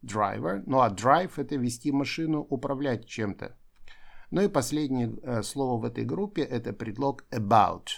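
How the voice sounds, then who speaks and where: A man's voice: mid-range voice, expressive, moderate pace, gravelly. A man teaching English vocabulary, explaining each word and repeating it for pronunciation practice. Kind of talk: vocabulary lesson.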